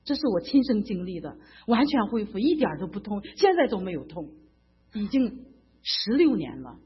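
A middle-aged church member from mainland China gives an emotional, fervent faith testimony, often stammering and repeating herself. Her husky mid-range voice is very animated at a normal speed, and the lo-fi recording sounds dull.

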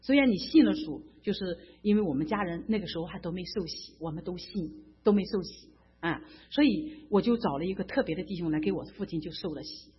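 A middle-aged woman from mainland China testifies about her faith with fervor and emotion, stumbling over words and repeating herself. Her husky voice runs on the low side, brisk and lively in intonation, and the church recording is dull and lo-fi.

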